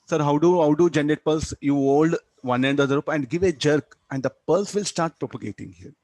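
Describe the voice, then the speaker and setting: Speaking briskly in a slightly high, darkish voice with no echo, an Indian English-accented physics teacher walks his class through a problem step by step. His didactic style has him asking and answering his own questions and tagging lines with "no?".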